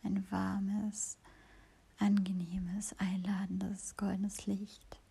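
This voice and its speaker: A woman hosting a podcast, whispering a slow, soothing guided meditation. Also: mid-range voice, little pitch movement, vocal fry, dark tone, slightly rough.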